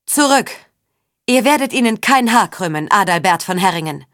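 A woman voicing a fierce, commanding young noblewoman in a storybook reading, sharp and authoritative in a husky voice. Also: fairly low pitch, expressive, moderate pace, dry recording, studio quality.

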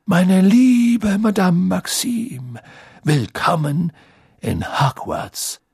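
A man voicing a gracious, courteous old headmaster who speaks politely and gently. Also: high-pitched, animated, extremely slow, creaky, breathy edge, no room sound, studio quality, voice pushed up, heavily acted. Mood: welcoming.

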